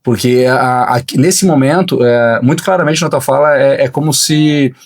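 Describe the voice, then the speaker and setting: A man hosting a podcast, asking long, reflective questions in a measured, careful way. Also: mid-range voice. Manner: measured, reflective, lots of filler words. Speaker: podcast host, interviewer. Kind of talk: thoughtful interview questions.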